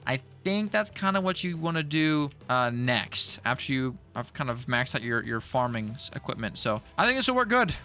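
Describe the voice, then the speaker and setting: A man's voice: mid-range voice, sing-song, moderate pace, hardly any pauses, pushed and bright. A young man giving casual gameplay commentary, rambling and stuttering, jittery from an energy drink. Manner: rambling, stuttery, self-talk with repeated words. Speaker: gaming YouTuber.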